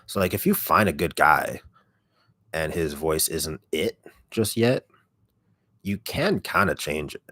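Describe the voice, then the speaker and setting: A man with a deep, raspy voice chatting casually on a livestream, relaxed and rambling, speaking very close to the microphone. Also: unhurried, long pauses, no echo. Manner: relaxed, rambling, heavy use of "like". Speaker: ASMR content creator on a livestream. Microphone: microphone held very close.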